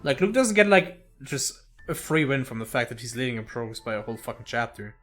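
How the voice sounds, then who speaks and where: A man's voice: medium pitch, big pitch swings, brisk, a bit bright, faint music behind. A young man giving casual commentary on a speedrun match, swearing often, laughing and talking to viewers. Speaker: tournament commentator. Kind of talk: casual solo esports commentary.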